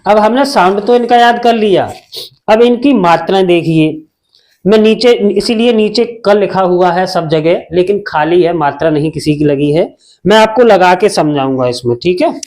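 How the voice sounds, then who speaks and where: A man's voice: sits high, normal speed, darkish tone. A man teaching Hindi spelling, drawing out and repeating syllables and answering his own questions. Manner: asks a question and answers it himself. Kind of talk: slow spelling lesson.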